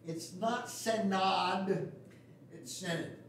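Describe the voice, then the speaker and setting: Picked up from the back of the pews by a distant camera, this echoey recording captures an older pastor giving a blunt, folksy, sarcastic sermon in a small wooden sanctuary. He speaks extremely slowly in a high, creaky, fairly bright voice, and there's a little background noise.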